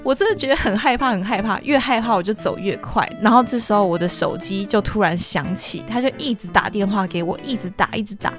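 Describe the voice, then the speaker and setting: A woman's voice: mid-range voice, fairly quick, hardly any pauses, over music. Chatty young woman storyteller. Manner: candid, chatty, earnest. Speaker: podcast host. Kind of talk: personal storytelling podcast.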